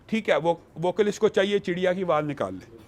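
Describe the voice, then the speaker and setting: A man giving earnest religious advice in a conversation, explaining his reasoning step by step and quoting scripture slowly. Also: high-pitched, very animated, darkish tone. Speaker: religious scholar.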